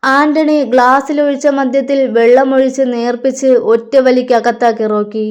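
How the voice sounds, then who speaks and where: Smooth-voiced woman narrating a crime story. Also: high-pitched, fairly even intonation, moderate pace. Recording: slightly dull lo-fi audio.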